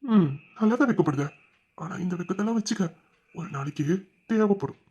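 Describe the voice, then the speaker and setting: Performer voicing obsessive young man, boastful, menacing, medium pitch. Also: animated, fairly quick, darkish tone, breathy edge, highs cut off. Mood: teasing whisper. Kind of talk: audio drama acting.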